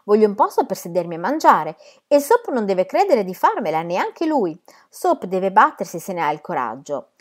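A woman's voice: medium pitch, sing-song, moderate pace. A woman reading a novel aloud, voicing a quarrelsome drunk man who picks a fight in a diner. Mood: drunken. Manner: loud, blustering.

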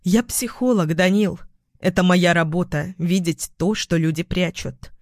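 A man's voice: high-pitched, unhurried, no room sound, clean studio sound. A man reading the lines of a cold, composed young woman psychologist who answers in a cutting, level way.

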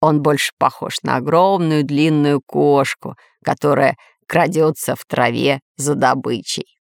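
A woman voicing a kindly male scientist in a storybook reading, explaining slowly. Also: low voice, steady tone, creaky, no echo, clean studio sound. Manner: slow, explaining.

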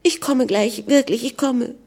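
A woman reading aloud voices a young, newly married princess who sobs and pleads in a high, desperate voice. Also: a little slow, darkish tone. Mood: pleading. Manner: sobbing, high-pitched and desperate.

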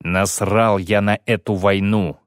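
A man voicing a gruff, weary male monster hunter who talks in clipped, grim phrases. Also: fairly low pitch, normal speed, no room sound, clean studio sound, natural voice.

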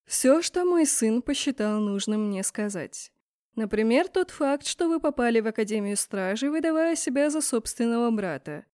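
A cold, dismissive emperor, put on by a woman reader weighs every word, slow and flat. The voice sits close and dry on the mic. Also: a little high, no echo, close to an everyday voice. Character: cold, appraising middle-aged male emperor.

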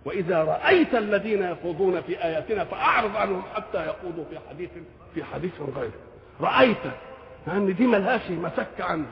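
A man's voice: high voice, animated, quick pace, creaky, hardly any pauses. An older man with an Egyptian accent giving religious commentary, asking rhetorical questions and moving between formal and colloquial speech. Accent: Egyptian Arabic. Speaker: Quran commentator. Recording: dull lo-fi recording in a reverberant hall.

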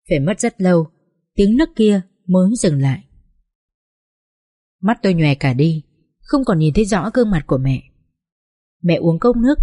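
Brief: woman audiobook narrator, mellow low voice, dry close sound. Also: no echo. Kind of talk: scripted story narration.

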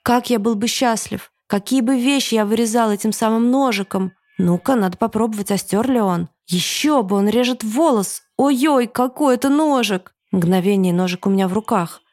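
An eager little boy gushes over a knife he wants, as read aloud by a woman. The telling is breathless and excited, and it speeds up at the tense moments. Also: a little high, normal speed, hardly any pauses, no echo, close to an everyday voice. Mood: longing. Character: young boy longing for a pocketknife. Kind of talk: reading a story aloud.

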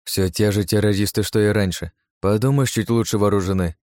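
A man's voice: on the low side, fairly even intonation, brisk, darkish tone, dry recording, clean studio sound, lightly acted. A man voicing a tough, cocky young woman captain in an audiobook, giving clipped commands. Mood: cool.

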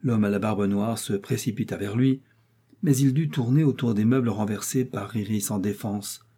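A man reading a classic adventure novel aloud as an audiobook, in a measured, theatrical storytelling manner. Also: lowish voice, dark tone, slightly rough. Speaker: audiobook narrator.

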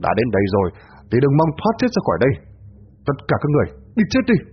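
A man voicing a cruel, scheming old villain who shouts threats in a snarl. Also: medium pitch, huge pitch swings, racing, slightly rough, voice pushed up. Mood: furious. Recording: dull lo-fi audio.

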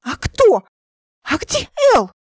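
A woman reading an audiobook voices a hysterical young woman who shrieks and sobs in a high, strained voice. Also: wildly swooping pitch, slow pace, dry recording, clean studio sound, exaggerated voice. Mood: distraught. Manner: shrill, tearful, shouting.

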